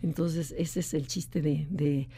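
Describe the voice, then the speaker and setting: Dark-voiced woman explaining personality. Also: low-pitched, steady tone, takes it slowly, husky. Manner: acts out quoted voices, many restarts. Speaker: enneagram expert guest. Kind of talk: explanatory radio talk.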